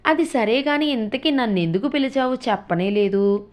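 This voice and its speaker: A woman's voice: fairly high pitch, lively intonation, normal speed, pitched above the performer's own voice, natural voice. A woman voicing an impatient, irritated middle-aged son in a read-aloud story. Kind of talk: storytelling with character voices.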